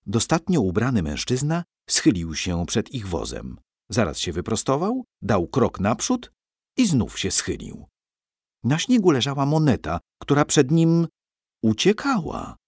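Lektor audiobooka, mężczyzna, żywa melodia głosu, suche nagranie. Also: male voice, mid-range voice, measured pace, breathy edge, no room sound, studio quality. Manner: lively, expressive storytelling. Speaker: audiobook narrator. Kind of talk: scripted story narration.

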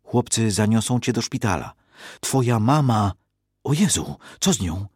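A man's voice: fairly low pitch, animated, unhurried, a little mellow, husky, dry recording, studio quality. A man voicing a young woman field nurse, soothing but urgent in her speech. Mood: overjoyed.

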